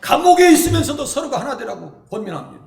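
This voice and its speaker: A male pastor with a Chungcheong Korean accent, preaching a lively, conversational sermon that asks the congregation questions and acts out the voices of people in the story. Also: extremely high pitch, fast talker, gravelly, reverberant.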